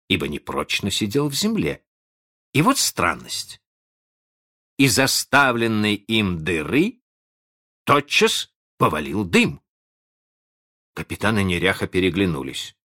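Deep, husky male storybook narrator. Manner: expressive, lively storytelling.

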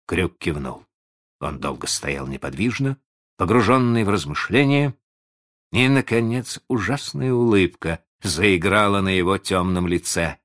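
A man narrating a storybook in an expressive, lively way. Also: low-pitched, a little slow.

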